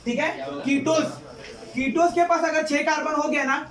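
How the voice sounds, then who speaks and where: A man teaches chemistry at a moderate pace, his very high-pitched voice keeping a fairly even intonation. He repeats points and quizzes the class. The recording comes from an echoey classroom with a distant mic and chattering students.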